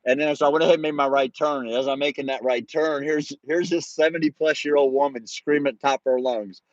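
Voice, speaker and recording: A man's voice: on the high side, fairly even intonation, quick pace, no echo, highs cut off. A man in his forties casually telling a story to his viewers, laid-back, laughing and swearing freely. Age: 40s. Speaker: streamer.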